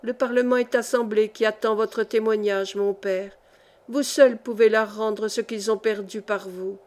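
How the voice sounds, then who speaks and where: Fierce commanding noblewoman, played by a woman reader, forceful and urgent. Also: mid-range voice, fairly even intonation, a little slow, natural voice. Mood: urgent imploring.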